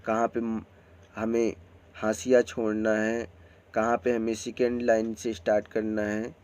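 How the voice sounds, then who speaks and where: A man hosting his own channel and teaching a grammar lesson, explaining slowly with friendly asides to viewers. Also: on the low side, monotone, darkish tone, clear, resonant tone. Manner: slow, explanatory delivery with friendly addresses to viewers.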